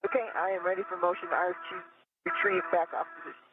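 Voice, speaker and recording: A woman's voice: sits high, big pitch swings, creaky. Woman on crackly spacewalk radio. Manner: quick, clipped confirmations. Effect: crackly space-to-ground radio. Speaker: spacewalking astronaut. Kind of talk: terse radio callouts. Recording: narrow crackly radio link with faint music.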